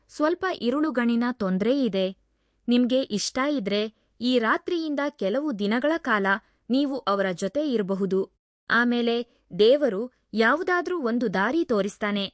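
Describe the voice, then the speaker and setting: Woman putting on a gentle young maid. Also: a little high, no room sound, studio quality. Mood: coaxing. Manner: soothing, pleading. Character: caring young female housemaid, gentle and coaxing.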